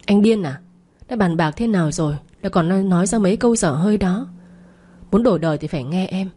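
A woman playing a sharp-tongued scheming mistress. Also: medium pitch, quick pace, breathy edge, lightly acted. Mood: snappish. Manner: snappish, bossy.

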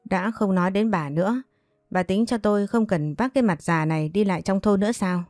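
A woman voicing an angry older village father who shouts and scolds harshly. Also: medium pitch, a little fast, no room sound, studio quality, faint music behind, lightly acted. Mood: furious.

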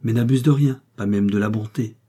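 A man's voice: fairly low pitch, fairly quick, dark tone, breathy edge. A man voicing a kindly, well-off middle-aged mother who speaks cheerfully and with affectionate firmness, in a storybook reading.

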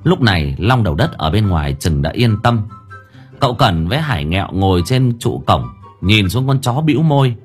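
A man narrating a comic story in a lively, playful storytelling manner. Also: fairly low pitch, normal speed. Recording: faint background music.

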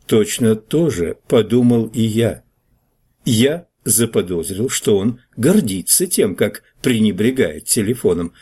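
A man's voice: mid-range voice, mellow, slightly rough. A man reading a first-person audiobook in a wry storytelling manner. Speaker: narrator. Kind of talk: audiobook narration.

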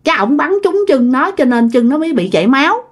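A woman voicing an old village spirit medium who speaks calmly and knowingly. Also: high-pitched, fairly quick.

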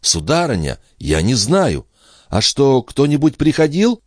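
A man's voice: medium pitch, huge pitch swings, a little slow, no room sound, clean studio sound, pitched above the performer's own voice. A man voicing a fussy, kindly young maidservant in a storybook, eager and servile.

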